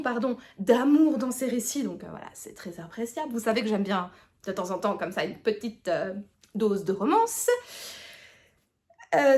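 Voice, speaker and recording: A woman in her thirties chatting casually about books on her vlog, with frequent hesitations and self-deprecating laughs. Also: on the high side. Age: 30s. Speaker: book vlogger. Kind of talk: casual book review chat.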